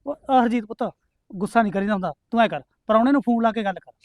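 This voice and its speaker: An actor playing an older village father who keeps pleading for calm, speaking with a Punjabi accent in a comedy film. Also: high-pitched, rapid-fire, no echo, clean studio sound. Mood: placating.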